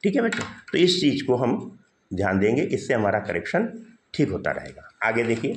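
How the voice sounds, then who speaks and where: A man's voice: medium pitch, wildly swooping pitch, normal speed, a little hiss or hum. A male English teacher giving a grammar lesson, explaining step by step and asking his students questions that he then answers himself. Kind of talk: classroom grammar lesson in Hindi. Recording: roomy echo.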